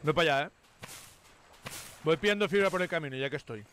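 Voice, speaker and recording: A man with a Spain Spanish accent streaming a survival game with friends, often yelling in panic and cursing. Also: a little high, fast talker, faint music behind. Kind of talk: live gaming chat with friends.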